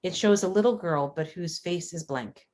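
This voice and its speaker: A woman with a fairly low, slightly mellow voice reads screenplay stage directions at a normal pace. Her delivery is matter-of-fact, like scripted narration at a table read.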